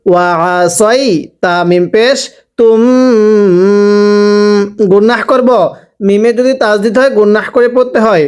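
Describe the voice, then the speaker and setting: A man teaching Quran reading, spelling out each letter and vowel mark slowly, then asking the listener to repeat after him. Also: high-pitched, clear, resonant tone. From Bangladesh. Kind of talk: slow spelling-out recitation lesson.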